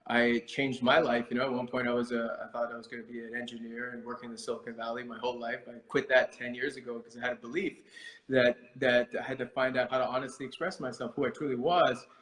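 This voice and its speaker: A man's voice: mid-range voice, flat delivery, fast talker, fairly bright tone, echoey room, low-quality recording. A middle-aged man from India, a martial arts instructor, speaking as an interview guest in a thoughtful way, with many fillers and restarts. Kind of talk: reflective conversational interview.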